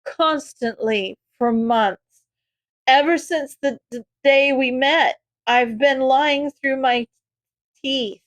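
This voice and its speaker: A woman's voice: high-pitched, dry recording. A woman voicing an anxious, guilt-ridden teenage boy who stammers and halts as he speaks. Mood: nervous guilt. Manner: stammering, halting.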